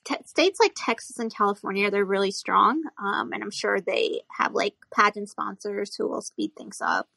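Woman, pageant contestant, casual chat, husky with vocal fry, fairly high voice, easygoing. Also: animated, moderate pace, hardly any pauses, sharp tone, dry recording. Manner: easygoing, filler-heavy.

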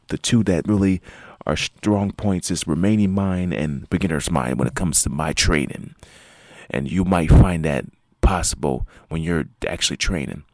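A man's voice: deep voice, a little mellow, no echo. A man hosting his own podcast as a martial arts instructor, talking casually and rambling with lots of fillers and restarts. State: sleepy, yawning. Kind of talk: casual solo podcast talk.

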